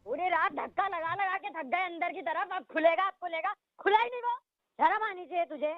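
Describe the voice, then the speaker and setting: Furious high-voiced man on a muffled phone. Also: a little fast, no room sound. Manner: furious, scolding, insulting. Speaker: phone caller. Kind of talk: angry phone complaint.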